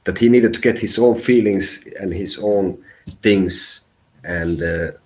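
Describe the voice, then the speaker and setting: A Finnish man, native in Finnish, gives a live tarot reading in halting English, searching for his words. His voice is low and a little mellow.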